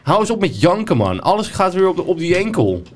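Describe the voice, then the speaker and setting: A man's voice: high-pitched, big pitch swings, a little fast. A man co-hosting a casual chat, blunt and teasing. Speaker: podcast co-host.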